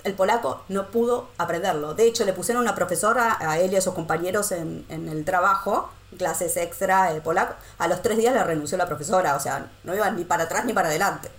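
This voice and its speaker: A middle-aged woman from Argentina speaks with a Rioplatense accent and an animated, storytelling manner. She jumps into quoted lines with big leaps in pitch, and her talk is casual and chatty. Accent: Rioplatense Argentine Spanish. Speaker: guest, expat living in Poland. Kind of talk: casual conversational interview.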